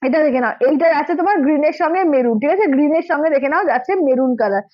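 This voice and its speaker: A hoarse woman with a cold, selling sarees on a live stream in a brisk, repetitive sales pitch. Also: lively intonation, no echo, highs cut off. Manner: brisk, repeats prices, keeps asking "okay?".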